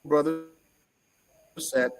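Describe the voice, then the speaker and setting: A man's voice: on the high side, steady tone, extremely slow, crowd noise. A man explaining as an Egyptologist guest over a video call, his audio cutting in and out with uneven volume. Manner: explanatory, checks in with "okay?". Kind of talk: lecturing over a remote interview.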